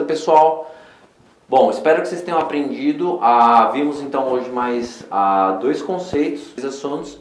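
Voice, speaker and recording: A man with a Brazilian Portuguese accent teaching an online English lesson. He explains patiently, slows down to model the English words, and keeps checking in with his students. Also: medium pitch. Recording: roomy echo.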